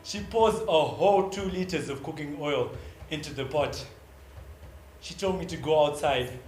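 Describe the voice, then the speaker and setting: A stage actor narrates as a child in an intense, emotive theatrical monologue delivered in short, emphatic phrases. His voice is fairly high and darkish, at a moderate pace. The recording sounds roomy, as on a stage, with faint noise.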